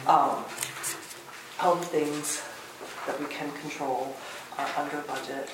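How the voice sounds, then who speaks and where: Low-voiced woman losing her voice, slow loose treasurer report, far off in a very echoey noisy room. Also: fairly even intonation. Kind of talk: meeting report. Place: meeting room. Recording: distant mic in echoey room, loud noise.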